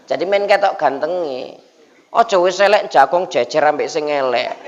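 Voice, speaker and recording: A man's voice: a little high, moderate pace, long reverb tail. A man preaching a humorous dawn sermon, teasing the congregation and constantly addressing them as "Pak". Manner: jokey, teasing the congregation, frequent "Pak" asides. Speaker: Islamic preacher. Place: mosque gathering. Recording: dull lo-fi recording.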